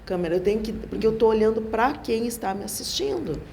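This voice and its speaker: A middle-aged woman with a southern Brazilian accent, a speech therapist speaking as an interview guest, emphatic and animated, acting out the phrases she quotes. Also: a little high, quick pace, gravelly, background noise. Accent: southern Brazilian Portuguese.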